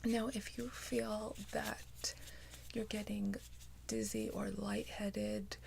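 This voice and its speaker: A woman doing an ASMR role-play as a caring nurse, with a gentle, reassuring bedside manner. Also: medium pitch, level tone, slow pace, gravelly, a little hiss or hum. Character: caring, attentive female nurse. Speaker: ASMR performer playing a nurse.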